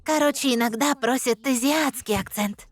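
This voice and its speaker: High bright woman dubbing a bubbly young streamer girl, jumps up in pitch, faint music behind. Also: normal speed. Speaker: podcast guest. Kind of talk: dubbed casual podcast chat.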